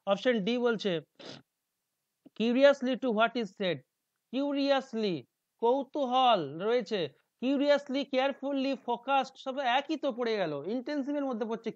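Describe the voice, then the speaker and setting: A male teacher with a Bengali accent talks through exam questions in a lecture. He reads English phrases slowly and drops into quiet asides. The recording is dry and a little dull. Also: no room sound. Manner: explains slowly, reads English options aloud slowly, drops to low mutters.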